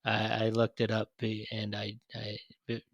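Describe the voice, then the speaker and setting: A man's voice: lowish voice, completely flat delivery, measured pace, vocal fry, no room sound. A man co-hosting a podcast, rambling in casual chat with many restarts and fillers. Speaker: podcast co-host.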